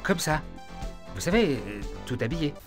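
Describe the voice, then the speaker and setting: A man's voice: on the high side, very animated, moderate pace. A man playing a polite pool lifeguard. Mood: politely firm. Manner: politely firm, formal address. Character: polite male pool lifeguard, firm and apologetic. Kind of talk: amateur fan-film acting. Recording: film soundtrack with music under the voice.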